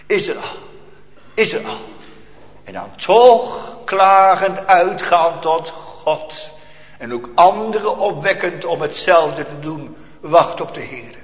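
A man's voice: sits high, expressive, slow pace. Fervent male preacher in an echoing church. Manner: fervent preaching, swings between loud and hushed. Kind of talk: sermon. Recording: echoey church hall, dull lo-fi.

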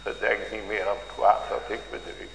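A man preaches with a low, forceful voice, his words full of old-fashioned biblical phrasing. He speaks to his congregation in a church, and a long, roomy echo trails every line. A faint hum sits under the recording. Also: flat delivery, normal speed, gravelly. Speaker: pastor. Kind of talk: sermon.

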